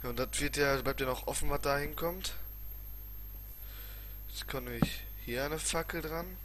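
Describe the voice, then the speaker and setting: A man's voice: a little high, moderate pace. A man giving casual gameplay commentary as a let's player, muttering and grumbling in colloquial exclamations. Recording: clearly noisy home recording with clicks.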